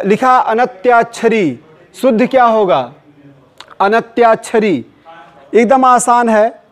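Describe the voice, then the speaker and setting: A man teaching a Hindi spelling lesson for exam prep, quizzing the listener and repeating each correct answer for emphasis. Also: high voice. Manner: recites short Urdu couplets between examples.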